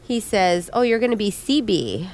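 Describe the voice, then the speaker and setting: A woman's voice: mid-range voice, sing-song, normal speed, crowd noise. A woman chatting on a group podcast, playful and laughing often as she tells stories. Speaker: podcast guest. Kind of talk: casual group chat.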